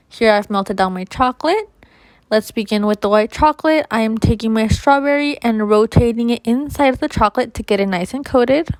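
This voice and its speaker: A baking video host narrates a how-to baking tutorial informally, calling viewers "you guys." She has a slight lisp with a whistling s, and her voice is on the high side in a dry recording.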